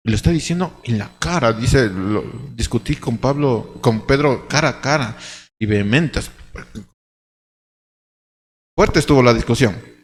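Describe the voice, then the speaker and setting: A man preaching a sermon, reading scripture aloud and breaking into lively acted-out asides. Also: mid-range voice. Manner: animated preaching, reads scripture aloud, acts out quick asides. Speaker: pastor. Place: church. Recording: church hall with long reverb and faint hum.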